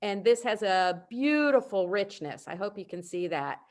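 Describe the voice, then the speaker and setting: A middle-aged woman printmaker giving a virtual presentation over a video call, explaining prints with warm enthusiasm and casual asides. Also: mid-range voice, expressive, moderate pace. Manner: informal asides and self-corrections. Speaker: printmaker presenting artists' work.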